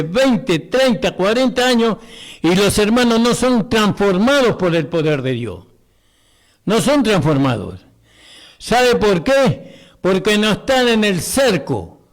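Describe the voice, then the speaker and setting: A man preaching a radio sermon, slow and emphatic, breaking off often to ask his listeners short rhetorical questions. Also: high-pitched.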